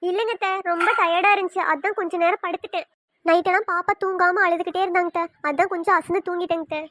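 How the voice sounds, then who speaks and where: Woman voicing a squeaky timid daughter-in-law. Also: steady tone, fast talker, a bit bright, dry recording, studio quality. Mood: pleading. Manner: meek, pleading, whiny. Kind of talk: cartoon voice acting.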